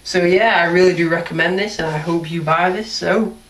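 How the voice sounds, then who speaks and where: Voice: medium pitch, steady tone, normal speed, a bit bright, roomy sound, distant mic, rough recording. A thirteen-year-old talks through a face mask in a casual, rambling product review. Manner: rambling, hesitant, repeats "so yeah".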